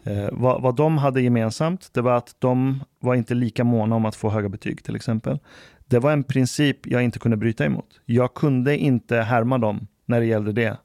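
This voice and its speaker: A man co-hosting a podcast, telling childhood stories in a slow, reflective way. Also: mid-range voice, a little mellow, no room sound, studio quality. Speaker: podcast co-host. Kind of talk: casual chat.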